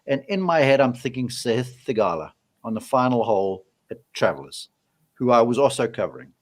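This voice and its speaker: A man telling a golf story on a podcast, his voice sitting in a middle pitch. He talks casually and acts out the lines of the people in his story. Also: big pitch swings, brisk. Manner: storytelling, acts out quoted exchanges. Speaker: on-course golf reporter.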